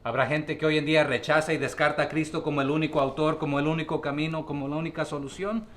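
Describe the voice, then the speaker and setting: A man's voice: a little high, steady tone, fast talker, a bit bright. A man teaching a Bible study to his congregation, often asking questions and using fillers.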